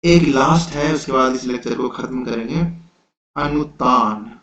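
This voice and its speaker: A man teaching an exam-prep lecture, explaining slowly and patiently, checking in with his students again and again. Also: medium pitch, fairly bright tone. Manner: slow, repetitive explaining with frequent "theek hai". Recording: roomy, dull lo-fi sound.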